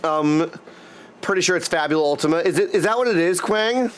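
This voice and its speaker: A live streamer chats casually while greeting his viewers with effusive affection, often calling them dudes. His voice is fairly high, clear and resonant, and he speaks briskly.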